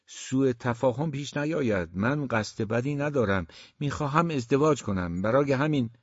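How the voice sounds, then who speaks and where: A man reading the part of a polite, smiling young man who has come courting, speaking smoothly and courteously. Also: medium pitch, expressive, no echo, lo-fi sound, pitched above the performer's own voice, natural voice.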